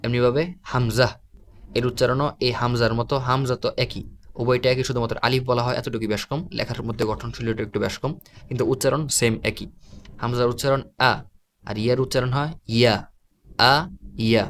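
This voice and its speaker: A man teaching how to pronounce Quran letters in a recorded online lesson, explaining slowly and patiently and repeating each letter sound. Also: medium pitch, little pitch movement.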